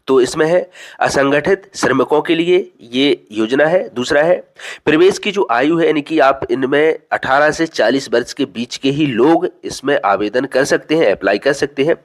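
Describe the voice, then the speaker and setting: A man giving a casual spoken tutorial that explains a government scheme, chatty, repeating and rephrasing his points with fillers. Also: fairly high pitch.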